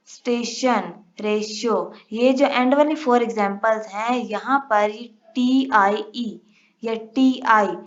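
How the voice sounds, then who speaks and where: Woman teacher, young, slow and deliberate, dull lo-fi sound. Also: fairly high pitch. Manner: slow, careful, spells out letters and sounds. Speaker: English teacher. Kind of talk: recorded lesson. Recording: dull lo-fi recording.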